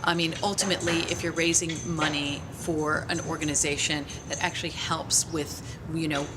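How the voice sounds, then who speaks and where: Low-voiced frank woman in her forties. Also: steady tone, normal speed. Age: 40s. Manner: blunt, frank, with mild profanity. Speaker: interviewee. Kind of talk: candid interview talk. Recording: noisy recording.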